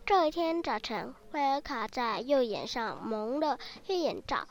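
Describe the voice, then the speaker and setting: A woman narrating a children's storybook with lively, expressive delivery. Her voice is high and clear.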